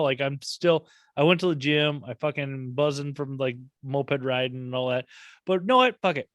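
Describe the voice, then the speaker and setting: Male podcast host, relaxed rambling delivery, casual cursing, dry close sound. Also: fairly high pitch, dry recording. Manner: laid-back, swears freely, rambling.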